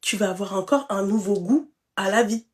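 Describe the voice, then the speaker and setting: A woman hosting a live stream, giving blunt, familiar advice to a caller, full of endearments and animated outbursts. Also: medium pitch, moderate pace. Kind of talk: casual live advice chat.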